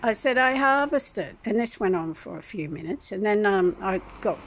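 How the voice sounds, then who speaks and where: A woman's voice: medium pitch, fairly quick, darkish tone, slight background noise, poor audio. An older woman, rambling and aggrieved as she tells a long personal story in a casual home vlog, with many ums and restarts. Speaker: vlogger. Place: home kitchen.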